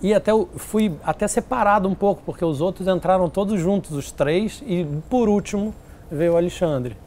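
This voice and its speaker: Guy telling old stories in an interview, kinda high voice, acts out people, bit of hiss behind. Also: normal speed. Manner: animated, acts out quoted voices. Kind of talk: casual storytelling interview.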